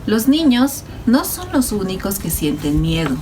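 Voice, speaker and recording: Animated woman teaching children. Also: mid-range voice, a little slow, slight background noise. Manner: warm, animated, addresses children. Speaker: Sunday school teacher. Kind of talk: children's Bible lesson.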